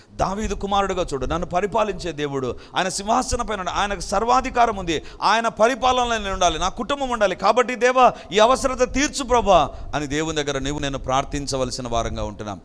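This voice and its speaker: A man's voice: fairly high pitch, fairly bright tone, big-room sound. A male pastor giving an emphatic sermon, full of rhetorical questions to his listeners and with English phrases mixed in.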